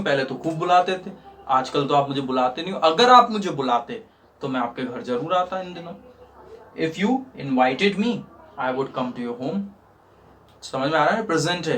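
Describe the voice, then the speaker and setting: Male tutor, patient, explains with everyday examples, slightly high voice. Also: a bit bright. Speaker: English teacher. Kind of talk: spoken English lesson.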